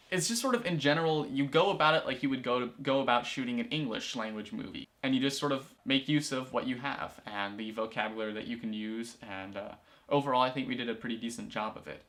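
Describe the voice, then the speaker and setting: A teenage boy, a student filmmaker and vlogger, talks casually to the camera from the corner of a small indoor room, rambling with plenty of fillers and restarts. His voice is medium-pitched and fairly bright, and he speaks fairly quickly.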